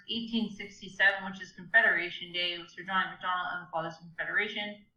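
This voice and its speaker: Woman, teacher, cheerful, chatty, talks to students, crisp bright tone, echoey room. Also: medium pitch, muffled recording. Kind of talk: recorded class lesson.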